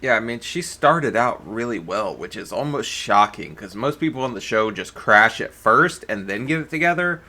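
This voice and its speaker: A man's voice: fairly low pitch, normal speed, hardly any pauses. A man hosting a reaction video, giving blunt, crude casual commentary. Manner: blunt, crude jokes, animated.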